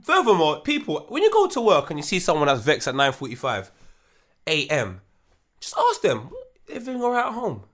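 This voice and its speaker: A man's voice: fairly high pitch, moderate pace. A man, co-hosting a podcast in casual chat, a father who tells stories and acts out the voices he quotes. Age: adult with children. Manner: expressive, acts out quoted speech. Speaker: podcast co-host.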